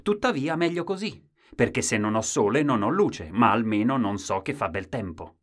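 A man's voice: medium pitch, big pitch swings, slow pace, voice pushed up. A man reading a children's story, voicing a stubborn man who wants to know nothing, with a raised, insistent delivery. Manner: insistent, raising his voice.

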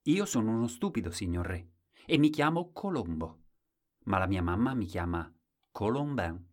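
A man's voice: on the low side, very animated, moderate pace, a little mellow. A man voicing a small, pale, timid boy who is innocent and full of wonder.

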